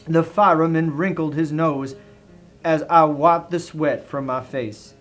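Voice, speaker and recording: A man with a Southern US accent narrates in a fairly high voice. His delivery is genteel and theatrical, treating a comic review as a dramatic tale. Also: fairly even intonation, measured pace, fairly bright tone, soft background music.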